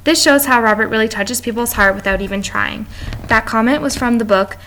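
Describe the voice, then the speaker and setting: A woman's voice: a little high, brisk, a bit bright, slight background noise. A woman reading a class presentation aloud from notes, with small stumbles and restarts. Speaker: student presenter.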